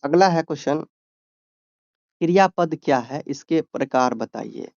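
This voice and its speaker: A man's voice: on the high side, a little slow, gravelly, darkish tone, no room sound, highs cut off. A man tutoring students for an exam, explaining grammar step by step and answering his own questions. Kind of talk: exam-prep grammar lesson.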